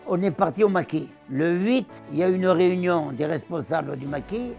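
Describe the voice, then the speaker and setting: A man in his nineties with a southern French accent and a gravelly voice, telling his wartime memories as an interviewee and acting out the voices he quotes. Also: high voice, moderate pace, soft background music. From southern France. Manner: animated, acts out the voices he quotes. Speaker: interviewee, war veteran. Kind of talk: storytelling recollection.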